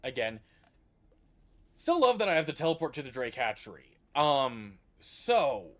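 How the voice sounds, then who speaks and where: A man's voice: medium pitch, very animated, a little slow. A man streaming a video game, talking casually and thinking aloud with meandering restarts. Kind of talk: casual livestream commentary.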